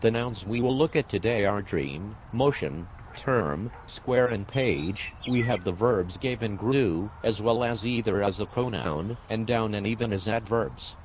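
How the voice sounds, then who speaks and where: Male English teacher, scripted lesson, measured delivery, low voice, noisy recording.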